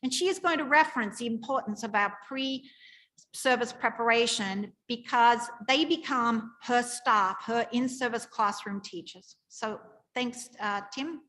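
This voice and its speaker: A woman presenting at a professional meeting, introducing video clips with measured speech and filler pauses. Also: fairly high pitch, a bit bright, poor audio. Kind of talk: conference presentation.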